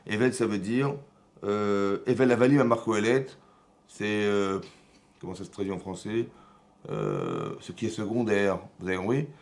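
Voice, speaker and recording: A man, a rabbi, teaching a lively Torah class in a synagogue, telling the story with energy and often checking in with his listeners. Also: on the low side, normal speed, gravelly. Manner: animated storyteller who keeps checking in with the audience; acts out dialogue between biblical figures.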